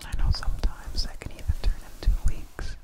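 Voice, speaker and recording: A man giving a whispered ASMR pep talk, soothing and reassuring, speaking softly without voice up close to the microphone. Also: a little fast, rough recording. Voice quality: unvoiced whisper. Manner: soothing, reassuring, repeats short phrases. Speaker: ASMR performer.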